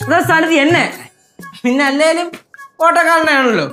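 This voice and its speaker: An actor playing a boastful, stubborn young husband in a TV sitcom, argumentative in manner. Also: male voice, moderate pace, music in the background. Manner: boastful, argumentative, lively swings of pitch. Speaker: sitcom character. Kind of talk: TV sitcom acting.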